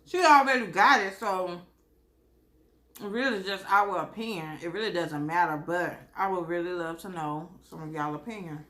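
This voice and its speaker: A woman chats casually to her viewers as a mukbang vlogger, eating crunchy fried chicken and drinking as she talks, in a folksy, expressive way with savoring hums. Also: lowish voice, moderate pace. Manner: folksy, expressive, chuckles often.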